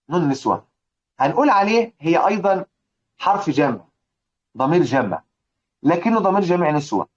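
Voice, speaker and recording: A man's voice: high-pitched, highs cut off. A man with an Egyptian accent teaching a religious lesson on recitation rules, who drills his students with repeated rhetorical questions. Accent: Egyptian Arabic. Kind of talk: religious lesson explaining a poem.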